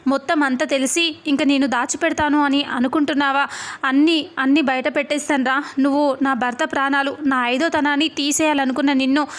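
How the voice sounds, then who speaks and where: An angry mother pleading with her brother in a retold drama, read out by a woman narrator. She accuses and pleads in a high, level voice. It is told quickly, with little rise or fall. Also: steady tone, close to an everyday voice. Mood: furious.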